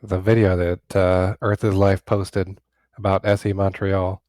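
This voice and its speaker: A man with a fairly low voice, recorded dry and close. He speaks casually as part of a group chat. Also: level tone, a little slow, a little mellow, no echo. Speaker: discussion participant.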